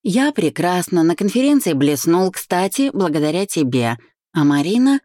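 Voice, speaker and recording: A woman's voice: low-pitched, sing-song, normal speed, mellow, dry recording, studio quality. A woman voicing a brash, defensive young man who blusters and snaps back in an audiobook.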